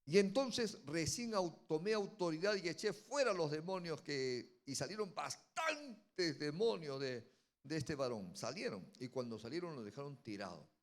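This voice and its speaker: A man's voice: on the high side, sing-song, normal speed. Man preaching with rising force. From Peru. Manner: storytelling with quoted voices, rising to loud emphatic preaching. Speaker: pastor. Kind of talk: sermon.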